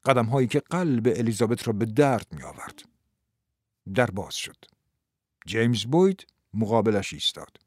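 A man narrating an audiobook in an expressive, dramatic storytelling manner. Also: lowish voice, no room sound, clean studio sound.

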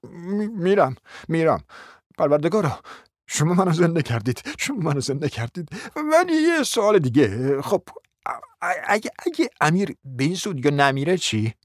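خواستگار جوان و ناامید. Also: male voice, fairly high pitch, very animated, no room sound, studio quality. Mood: desperate pleading. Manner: stammering, pleading. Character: lovesick, desperate young suitor, emotional and stammering. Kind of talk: radio play acting.

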